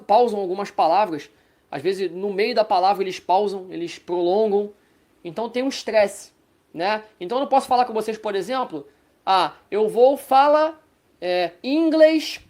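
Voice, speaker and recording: A woman's voice: medium pitch, darkish tone. A woman with a Brazilian Portuguese accent giving a casual online language lesson, chatting along and often checking in with her listeners. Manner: chatty, ends phrases with "tá?" check-ins. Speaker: language teacher.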